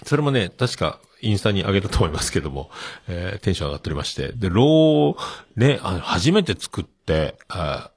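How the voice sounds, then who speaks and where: Middle-aged male host, low husky voice, lively swings in pitch, rambling with fillers. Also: fairly quick, few pauses, dry recording. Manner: rambling, full of fillers, chuckling at himself. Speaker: show host. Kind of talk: casual solo talk.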